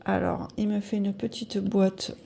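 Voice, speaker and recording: Gravelly-voiced woman in her fifties, nasal. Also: mid-range voice, level tone, measured pace, mellow, slight background noise. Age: 50s. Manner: chatty, hesitant, many fillers, thinking aloud while adding sums. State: nasal from air conditioning. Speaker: budget vlogger. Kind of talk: casual budget review to camera.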